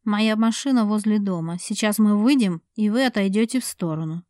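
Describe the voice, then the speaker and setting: A woman's voice: medium pitch, normal speed, warm tone, no room sound, clean studio sound, close to an everyday voice. A woman doing a harsh, menacing grown man. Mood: threatening. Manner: harsh, curt, contemptuous.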